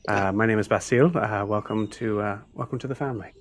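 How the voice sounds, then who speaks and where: A man's voice: lowish voice, steady tone, a little fast, natural voice. A man voicing a friendly, hesitant female wood elf scout in a tabletop game. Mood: welcoming. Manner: hesitant, welcoming.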